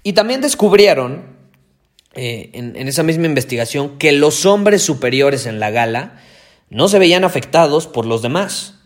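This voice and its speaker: Loud, intense Mexican man. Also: on the high side, lively intonation, moderate pace. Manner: emphatic, repeats key phrases. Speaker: podcast host. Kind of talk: motivational podcast monologue.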